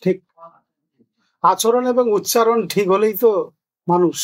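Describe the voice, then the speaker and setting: High-voiced male spiritual teacher. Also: unhurried. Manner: explains patiently, asks rhetorical questions. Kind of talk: spiritual discourse.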